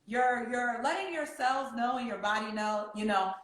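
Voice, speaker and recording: A woman's voice: fairly high pitch, moderate pace, a bit bright, roomy sound, slight background noise, poor audio. A woman who teaches laughter yoga, talking earnestly in casual chat, with many fillers and restarts.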